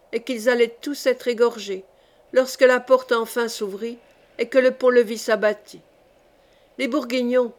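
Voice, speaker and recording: A woman narrating a historical novel as an audiobook, in a measured, dramatic reading. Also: fairly high pitch.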